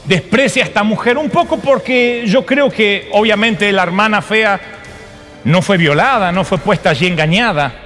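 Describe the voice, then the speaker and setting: A male preacher retelling a story with comic timing and playful asides to his listeners. His voice sits high for a man. A long hall reverb trails each phrase of the live sermon. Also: a bit bright.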